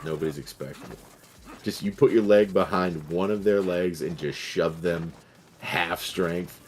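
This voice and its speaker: A man in his forties chatting on a game stream, rambling through profane stories and acting out the voices in them. His voice sits slightly low in pitch. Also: measured pace, slight background noise. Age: 40s. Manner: profane, rambling storyteller who acts out voices. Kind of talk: casual chat while gaming.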